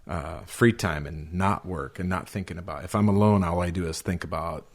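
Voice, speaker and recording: A man's voice: low voice, normal speed, creaky. A man co-hosting a casual ministry podcast, talking in a reflective, conversational way.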